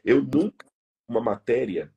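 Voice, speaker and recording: The voice is mid-range, darkish, and husky, with the highs cut off, and the man speaks animatedly at a measured pace. He's a Brazilian interview guest with a Brazilian Portuguese accent, earnestly arguing in conversation and hammering home key words through repetition.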